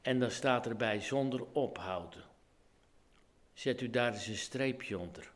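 A man's voice: medium pitch, measured pace. A Dutch-accented man preaching a sermon as pastor, earnest and pleading, his voice rising to urgent calls.

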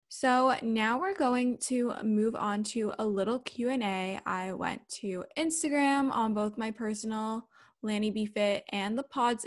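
Casual young woman hosting a podcast. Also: medium pitch. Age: 20s. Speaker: podcast host. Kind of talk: casual solo podcast talk with sponsor reads.

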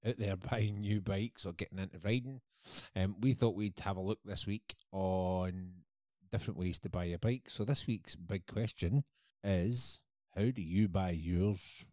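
A man co-hosting a casual chat show, relaxed and wry. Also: deep voice, a little slow, no room sound, clean studio sound. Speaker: co-host.

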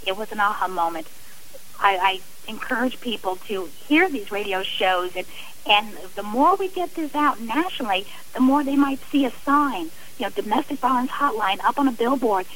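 On a radio interview, a middle-aged woman guest talks earnestly about her personal experience at a moderate pace, frequently starting sentences over. Her voice is on the high side, a bit bright, with lively intonation, captured on a rough recording.

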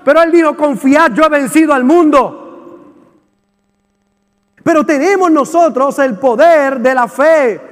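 A man in his fifties with a Puerto Rican accent, preaching a sermon with passion and rising to shouts. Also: extremely high pitch, long reverb tail. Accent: Puerto Rican Spanish. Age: 50s. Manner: impassioned preaching, shouting at peaks. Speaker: pastor. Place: church sanctuary.

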